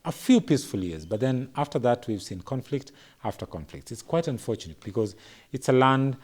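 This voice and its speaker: A man with a Kenyan English accent hosting a studio talk show, measured and searching in his phrasing. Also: medium pitch, expressive, a little mellow.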